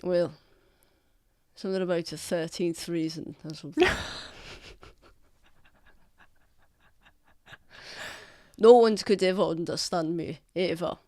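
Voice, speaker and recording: A man playing a weary, blunt orc veteran in a tabletop game, gruff and sardonic. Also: high voice, steady tone, moderate pace, a little mellow, dry recording, studio quality, lightly acted. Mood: grumbling. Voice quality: gruff, sardonic, swears casually. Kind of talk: tabletop role-play in character.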